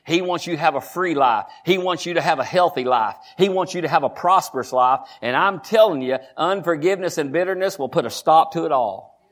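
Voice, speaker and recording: Emphatic preacher man, raised voice. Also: fairly quick. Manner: emphatic, repeats phrases and rises in pitch for emphasis, calls listeners honey. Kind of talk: sermon.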